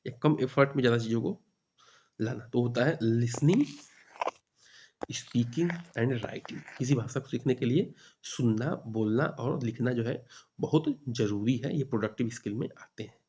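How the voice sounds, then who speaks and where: A man's voice: mid-range voice, a little mellow. Hindi-speaking man teaching exam grammar. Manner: reads English questions slowly, then explains in Hindi with frequent "ठीक है". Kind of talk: exam-prep grammar lesson.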